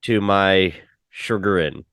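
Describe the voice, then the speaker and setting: A man hosting a movie podcast in casual chat, pausing often with fillers and restarts. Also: low voice, vocal fry, fairly bright tone, dry recording, clean studio sound. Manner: hesitant, full of fillers and restarts. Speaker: podcast host.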